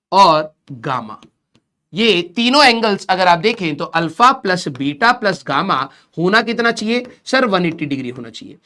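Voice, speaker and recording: Despite a sore throat, a young lecturer records a physics class, speaking slowly in Hindi sprinkled with English phrases. He keeps repeating key terms and answering his own questions, in a high-pitched, fairly bright voice.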